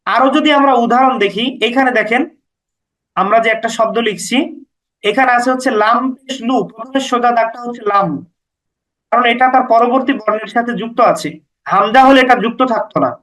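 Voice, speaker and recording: A man with a strikingly high voice gives a Quran recitation lesson. He works through each rule patiently, repeating letter names and vowel marks slowly so they stick. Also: a bit bright, rough recording. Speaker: Quran teacher.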